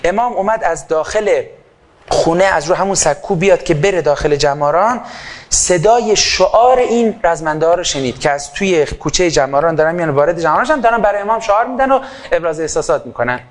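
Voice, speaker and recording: A man giving an impassioned sermon into a microphone. He swings between loud fervor and quiet asides and acts out little dialogues. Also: on the high side, animated, slight background noise. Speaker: preacher.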